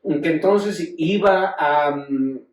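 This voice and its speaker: Mexican man, high voice, casual profane lecturer, recorded from a distance in a roomy space. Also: extremely slow. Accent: Mexican Spanish. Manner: profane, slangy, acts out quoted speech. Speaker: teacher.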